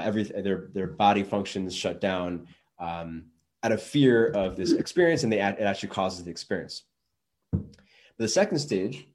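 A man's voice: on the low side, a little mellow. A young adult man talking casually on his own show, rambling with many restarts and fillers. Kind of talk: casual solo talk.

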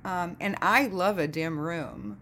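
A woman hosting a podcast, telling a story in a casual monologue, sardonic and animated, who laughs often and swears freely. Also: fairly low pitch, takes it slowly, slight background noise. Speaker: podcast host.

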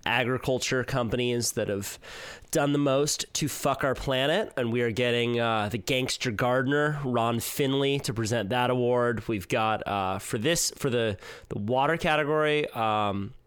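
Casual podcast host in a dry, close sound. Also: male voice, mid-range voice, moderate pace, a bit bright, clear, resonant tone, dry recording. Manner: loose and casual, with many fillers and swearing. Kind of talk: solo podcast intro monologue.

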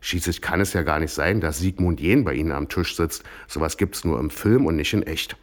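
A man's voice: deep voice, fairly quick. A man reading a comic story aloud as the narrator, with a dry storytelling manner.

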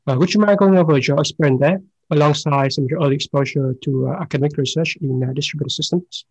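A man's voice: on the high side, breathy edge, rough recording. A man hosting a podcast interview, reading prepared introductions and questions with frequent hesitations. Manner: reads prepared questions with many "uh" pauses. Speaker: podcast host.

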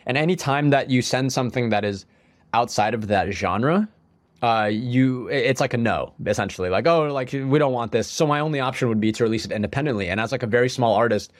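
Talking fairly quickly at medium pitch, a young musician on a podcast recounts his story casually and ramblingly, full of "like" and frequent restarts. A cold leaves him a bit sniffly, and the recording is dry.

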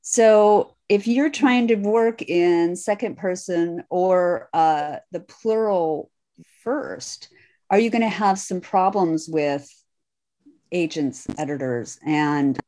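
Woman hosting a relaxed online panel. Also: on the low side, slow pace. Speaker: host. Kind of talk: casual online panel chat.

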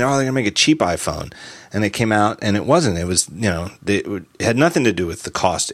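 A man hosting a casual tech podcast, animated and quick to laugh as he spins out hypotheticals. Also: low voice, dry recording, clean studio sound. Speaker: podcast host.

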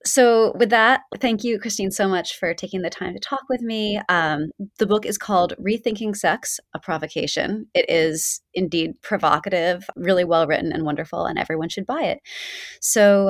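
A woman with vocal fry hosting a podcast interview in an informal, wry, conversational way. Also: medium pitch, normal speed, dry recording, clean studio sound. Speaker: podcast host.

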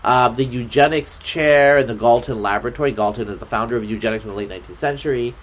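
A man's voice: medium pitch, quick pace. A man as a podcast guest, talking in a loose, rambling way with lots of fillers. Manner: rambling, filler-heavy, lively. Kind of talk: casual conversation.

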